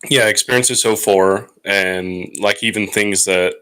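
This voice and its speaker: Deep, bright-toned podcast man. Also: fairly even intonation. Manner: halting, filler-laden questions. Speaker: podcast co-host. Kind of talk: casual chat.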